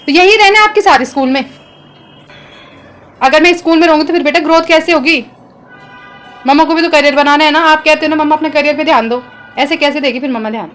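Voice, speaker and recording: A mother in her thirties talking gently with her young son in a casual family vlog, soothing and coaxing him. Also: sits high, fast, pauses often, soft background music. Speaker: vlogger, mother.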